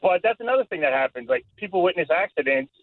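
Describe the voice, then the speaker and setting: A man calling into a show on a speakerphone, telling his story in a rambling, halting way. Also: high-pitched, animated, no room sound. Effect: speakerphone call. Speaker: caller. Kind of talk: casual call-in chat. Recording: tinny dry phone line.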